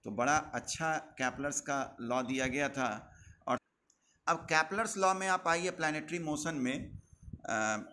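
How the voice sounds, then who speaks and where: A male teacher giving a live online class, dictating definitions slowly and checking in with students by name. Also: on the high side, noisy background.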